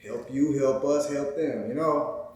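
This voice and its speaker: A man's voice: medium pitch, measured pace, a little mellow, distant mic. A man co-hosting a couple's vlog, talking in a laid-back, slangy way. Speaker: vlog co-host. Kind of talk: casual chat. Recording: very echoey room.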